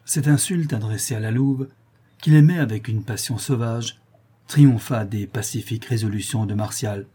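Dark, husky male narrator. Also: lowish voice, normal speed. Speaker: audiobook narrator. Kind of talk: scripted narration of a novel.

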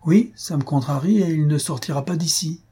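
A man reading aloud and voicing a fiery, protective young wife, in a husky voice. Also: fairly high pitch, a little fast, warm tone, voice pushed up. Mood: indignant.

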